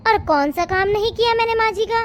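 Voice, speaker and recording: A woman's voice: extremely high pitch, a little fast. A woman playing a young daughter-in-law who answers back and complains about her mother-in-law. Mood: defiant.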